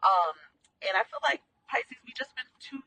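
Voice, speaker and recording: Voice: sits high, expressive, moderate pace, bright, forceful tone, no echo. An astrology channel host giving casual, conversational spiritual guidance from inside a car, sounding a bit far away from the mic, often checking in with okay and all right. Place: inside a parked or stationary vehicle.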